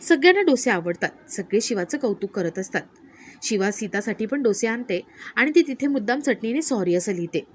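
A woman retelling a TV serial episode, quickly voicing each character's lines. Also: a little hiss or hum. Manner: lively, shifts pitch to act out each character. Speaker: serial recap narrator. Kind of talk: storytelling recap with acted quotes.

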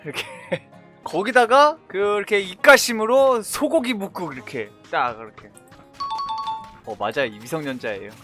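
A man streaming a battle game, chatting casually with viewers in a playful, boastful, teasing way and breaking into sudden shouts. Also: sits high, animated, moderate pace, soft background music. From Korea. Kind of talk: casual gameplay commentary.

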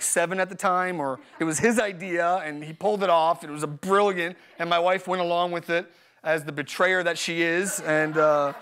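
A man with a high, bright-sounding voice preaches at a live church service. He talks with energy and humor, repeating his main lines so they stick. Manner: energetic, joking, repeats key phrases. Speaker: pastor. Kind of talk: live sermon with personal stories.

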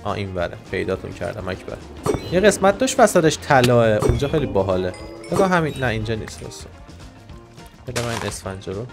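A man giving excitable, joking commentary over a game, shouting and trash-talking the monsters. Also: medium pitch, vocal fry, over music. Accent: Iranian Persian. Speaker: gaming YouTuber. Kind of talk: Minecraft let's-play commentary.

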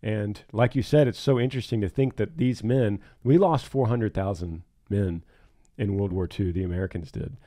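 He sits on the low side with a mellow sound, co-hosting a podcast. His casual talk leans earnest, emphatic and reflective.

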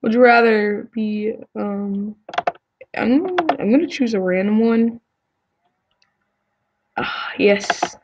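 A woman's voice: mid-range voice, slow pace, long pauses, muffled recording. A woman YouTuber chatting casually as she answers quiz questions, giving blunt opinions with frequent ums and restarts.

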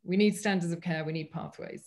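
A woman's voice: lowish voice, fairly even intonation, fairly quick, a little mellow. Earnest woman, webinar panelist. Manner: thoughtful, earnest, frequent restarts.

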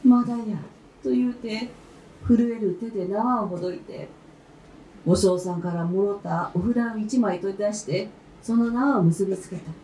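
A woman narrating an old folktale live in a lively, expressive dialect storytelling style. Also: mid-range voice, moderate pace, a little hiss or hum. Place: concert venue. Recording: roomy live hall with faint instruments. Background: faint traditional instruments.

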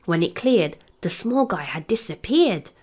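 A woman's voice: on the low side, sing-song, measured pace, darkish tone, husky, full character voice. A woman voicing a cocky schoolboy who teases his friends, in a playful manner. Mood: secretive. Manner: playful and teasing.

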